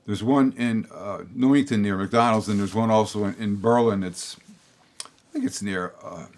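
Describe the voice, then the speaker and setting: The older host of a local public-access political show talks directly to his audience at a moderate pace, his voice somewhat low. His monologue is a blunt, rambling stream of opinion with many restarts and digressions, and a throat tickle makes him slightly hoarse.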